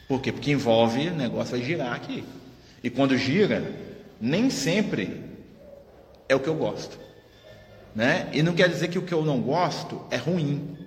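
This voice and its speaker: A man's voice: mid-range voice, lively intonation, normal speed, pauses often. A man leading a study group in a spiritist center's meeting room, talking informally, often tagging his sentences with questions and acting out what others said. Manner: conversational, peppers speech with tag questions, acts out quoted speech. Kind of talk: informal teaching talk. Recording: echoey hall with faint noise.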